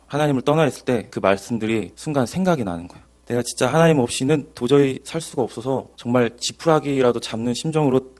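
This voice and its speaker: A man in his thirties, an evangelist, giving an earnest, animated Bible lecture that mixes in his personal testimony. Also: mid-range voice.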